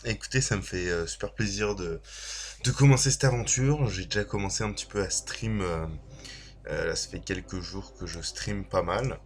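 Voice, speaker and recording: Over music, a gaming video creator and streamer with a deep voice gives casual, somewhat hesitant gameplay commentary at a moderate pace. He has a slight slushy lisp on his s, and there's a little hiss or hum.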